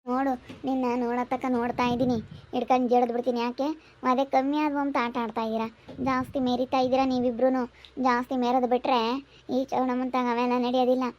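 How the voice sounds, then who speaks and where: A woman's voice: high voice, flat delivery, fast, slight background noise, natural voice. A woman playing a quarrelsome middle-aged village aunt who keeps scolding and accusing. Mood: threatening. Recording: slightly dull lo-fi recording.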